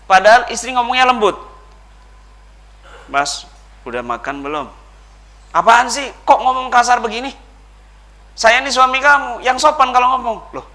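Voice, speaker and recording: A man's voice: a little high, sharp tone. A man giving a religious lecture, emphatic in his delivery, with frequent "ya" and "eh" fillers. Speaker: Islamic teacher.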